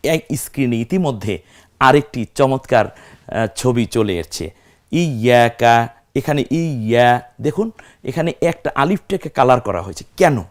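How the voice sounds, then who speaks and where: A man teaching a step-by-step recitation lesson, spelling out letters, stretching vowels to demonstrate, and answering his own questions to the class. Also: mid-range voice. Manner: asks the class questions and answers them himself.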